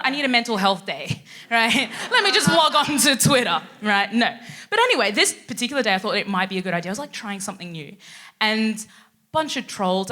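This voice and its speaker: A young woman from Australia, telling stories on a live stage in an animated way, laughing often and asking "right?" along the way. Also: mid-range voice. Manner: animated, laughing, frequent tag questions. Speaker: guest speaker. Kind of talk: live stand-up storytelling. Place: theatre stage before an audience.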